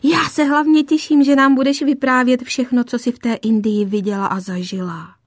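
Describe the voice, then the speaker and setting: A woman's voice: sits high, fairly even intonation, dry recording, clean studio sound, pitched above the performer's own voice. A woman reading an audiobook, voicing a sweet, earnest young girl.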